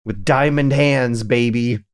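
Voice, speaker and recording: A man in his thirties, a podcast host telling animated stories in casual chat. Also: medium pitch, slow pace, clean tone. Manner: animated storytelling, reads listener questions aloud.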